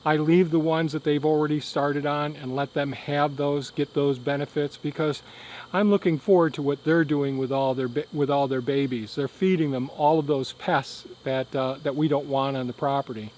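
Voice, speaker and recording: A man giving a casual, explanatory outdoor vlog update in a halting way, with a tractor rumbling behind him. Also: fairly even intonation, darkish tone, rough recording. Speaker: gardening and beekeeping video host. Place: outdoors on a rural property by a hive hut. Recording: outdoor noise of tractor and insects. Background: tractor rumbling, insects.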